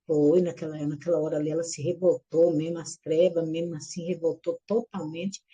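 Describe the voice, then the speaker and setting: Woman, middle-aged, religious testimony, mellow husky voice, acts out quotes. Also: sits low, brisk. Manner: animated storytelling, acting out quoted voices; addresses listeners as brothers and sisters. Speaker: church member giving testimony.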